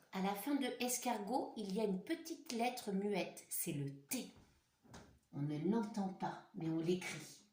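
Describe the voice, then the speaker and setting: A primary school teacher leads a phonics lesson for young children, spelling out letters one at a time and praising her pupils. Her mid-range voice carries a reverberant quality.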